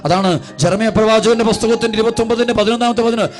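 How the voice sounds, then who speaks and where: Fast high-voiced preaching priest. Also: male voice, fairly even intonation, soft background music. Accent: Kerala Malayalam. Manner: repetitive, pleading cadence, drops low and soft for prayers; addresses listeners as children. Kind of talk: devotional sermon with prayer.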